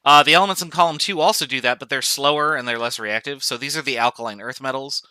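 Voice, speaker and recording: A man lectures on chemistry in a loose, joking manner, thinking aloud and trailing into fillers. His voice is very bright and crisp at a middle pitch. The sound is dry and close, with no room echo. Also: fast. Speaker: chemistry professor. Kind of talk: online lecture.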